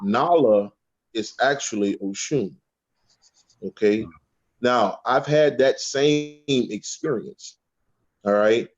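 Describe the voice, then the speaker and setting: Slow, profane man talking spirituality casually, constant "okay?" check-ins; muffled low-fi audio. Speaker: guest speaker on a spiritual panel.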